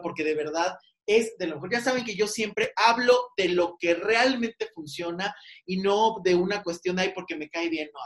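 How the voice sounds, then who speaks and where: A man's voice: sits high, a bit bright. A man with a Mexican accent hosting a podcast interview, talking in a chatty, rambling way and laughing often. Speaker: podcast host. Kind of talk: casual interview chat.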